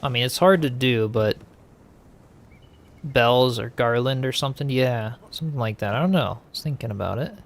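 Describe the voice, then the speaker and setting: With a medium-pitched voice touched by vocal fry, a man chats at a moderate pace while streaming gameplay. He reads viewer comments and muses in an easygoing manner, frequently letting his words trail off.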